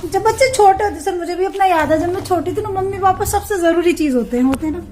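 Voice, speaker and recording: A woman's voice: extremely high pitch, quick pace, darkish tone. A woman in her thirties chatting casually at home in a family vlog, often asking viewers to agree with her. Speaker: family vlogger.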